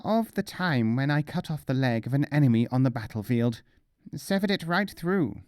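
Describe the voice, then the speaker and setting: A man voicing a wily, self-satisfied mullah from a folk tale, speaking deliberately and matter-of-factly. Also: mid-range voice, lively intonation, dry recording, studio quality, pitched above the performer's own voice, close to an everyday voice. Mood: boastful, sly.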